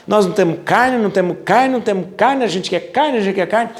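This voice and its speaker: A man's voice: high-pitched, fast, pitched above the performer's own voice, natural voice. A man voicing a crowd of grumbling wanderers who whine and nag over and over, with a Brazilian accent. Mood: whiny. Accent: Brazilian Portuguese. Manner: whiny, repetitive nagging.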